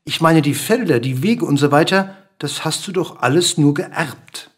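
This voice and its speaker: A man voicing a small grey bird in a storybook reading, with a hoarse, hissing, bossy manner. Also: a little high, moderate pace. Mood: coaxing, lecturing. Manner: insistent, lecturing, bossy.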